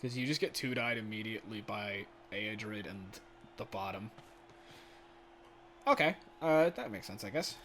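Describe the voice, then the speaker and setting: A man doing casual, excitable play-by-play commentary of a video game from home. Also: fairly low pitch, normal speed, pauses often, a little hiss or hum. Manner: chatty, excitable, laughs often. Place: home room.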